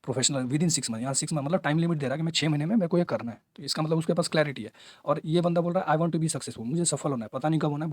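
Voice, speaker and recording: A man walking through an exam passage in a casual tutorial, chatty and mixing English terms into his talk while reading quoted lines slowly. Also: on the high side, no echo, studio quality. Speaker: exam prep teacher.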